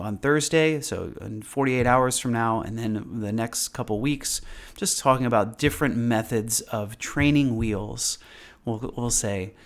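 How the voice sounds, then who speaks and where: A man speaking as a meditation teacher in a casual live class, explaining informally with pauses and repeated phrases. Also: medium pitch.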